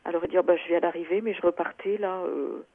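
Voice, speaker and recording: A woman's voice: fairly low pitch, steady tone, fast talker. A woman calling in to tell a personal story, talking hesitantly with many fillers and restarts. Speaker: caller. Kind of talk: phone-in personal account. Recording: tinny phone line.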